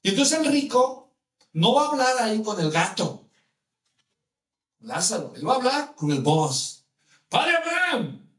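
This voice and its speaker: Male preacher, high-pitched, animated and questioning, distant echoey sound. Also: a little slow, pauses often. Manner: animated, asks the listeners many rhetorical questions. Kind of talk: sermon.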